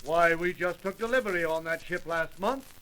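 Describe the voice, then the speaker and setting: An actor playing a blustering, indignant company director in a 1930s radio drama, demanding in manner. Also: male voice, on the high side, normal speed, bright, forceful tone, poor audio. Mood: indignant, alarmed. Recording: old 1930s radio recording, faint noise.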